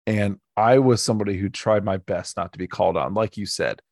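A man co-hosting a podcast in casual chat, telling stories in an animated, joking way. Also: fairly low pitch, a little fast, dry recording, clean studio sound. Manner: animated, jokey storyteller. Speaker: podcast co-host.

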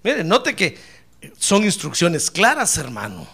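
Animated, gravelly-voiced male pastor. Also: high-pitched, takes it slowly. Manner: animated, joking then fervent preaching. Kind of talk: sermon.

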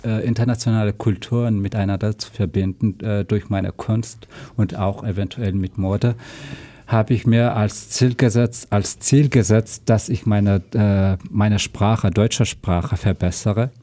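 A man with a Russian accent speaking German as a second language, telling his story casually and haltingly as an interview guest. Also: lowish voice, steady tone, dark tone. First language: not a native German speaker. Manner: halting, searching for words.

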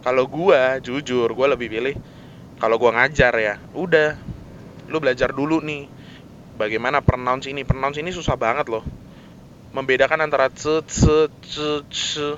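A man's voice: medium pitch, steady tone, normal speed, pauses often, fairly bright tone, highs cut off, a little hiss or hum. Casual Jakarta-slang man ranting. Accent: Jakarta Indonesian. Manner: Jakarta slang, mixes English words, frequent fillers. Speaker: vlogger.

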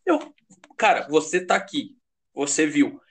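A man with a high-pitched voice and a Brazilian Portuguese accent talks sports casually and heatedly. He is slangy and emphatic, swears freely and repeats phrases to drive his point home. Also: lively intonation, measured pace, slightly rough. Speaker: American football fan commentator.

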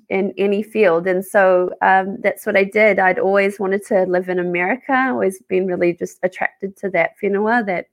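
Kiwi woman in her 30s, chatty and upbeat, bit of gravel in her voice, middle pitch. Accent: New Zealand. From New Zealand. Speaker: guest. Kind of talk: casual interview chat.

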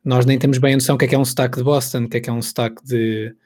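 A young Portuguese man co-hosting a podcast, trading slangy banter and advice. His European Portuguese accent comes through at a medium pitch, in an easy conversational flow. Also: flat delivery, rapid-fire, a little mellow. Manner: chatty, advising, slangy with bué and puto. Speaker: podcast co-host. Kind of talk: casual podcast chat.

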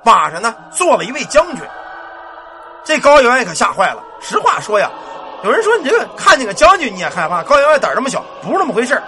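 A man telling a ghost tale in a dramatic, animated traditional storytelling style. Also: very high-pitched, fast, faint music behind.

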